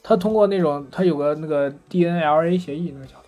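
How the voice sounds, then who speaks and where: A man co-hosting a casual podcast chat, telling anecdotes in a lively, chatty way. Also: fairly high pitch, fast, soft background music. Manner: chatty storyteller, animated retelling of anecdotes. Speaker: podcast co-host. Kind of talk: casual chat about gadgets.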